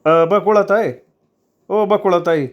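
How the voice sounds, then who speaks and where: A man's voice: high voice, slow pace, highs cut off, pitched above the performer's own voice. A man voicing an eager male servant calling out and hurrying someone to get up. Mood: urging.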